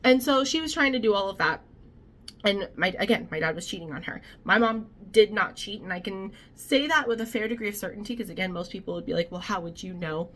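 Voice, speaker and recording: A woman's voice: mid-range voice, animated, fast talker, fairly bright tone. A young woman vlogger telling a family story in a chatty, casual way, with many fillers and restarts.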